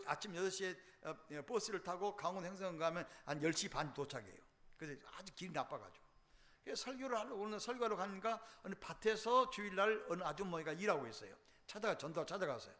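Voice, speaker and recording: A middle-aged male pastor delivers a revival sermon in a high, lively voice that leaps up and down in pitch. He tells the story dramatically, acting out the figures and dropping from loud outbursts to near-hushed lines.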